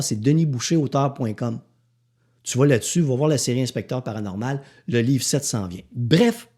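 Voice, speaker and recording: A Québécois man gives a motivational podcast monologue in a blunt, sarcastic, profane way. His voice sits a little high and leaps around in pitch. He talks straight to the listener as if to a friend. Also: a little mellow. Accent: Québécois French. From Quebec. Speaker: podcast host.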